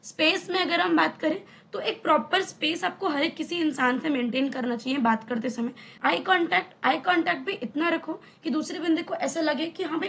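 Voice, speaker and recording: Young female tutor, high voice, casual and conversational online lesson. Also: creaky, fairly bright tone. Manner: chatty, explains with everyday examples and rhetorical questions. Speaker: teacher.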